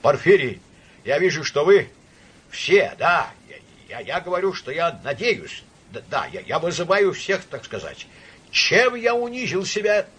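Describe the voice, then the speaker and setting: A flustered, drunk old general stammers and repeats himself, his husky voice pushed high and loud as a man reads him aloud. His pitch swoops wildly as he pleads. Audiobook storytelling. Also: lively intonation, brisk, few pauses, full character voice. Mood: pleading.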